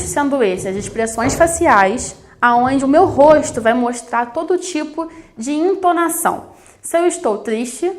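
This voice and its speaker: A woman from Brazil teaching a recorded video lesson on sign language, explaining directly to the camera and addressing her students. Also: sits high. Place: studio with plain backdrop. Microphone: camera-facing studio recording.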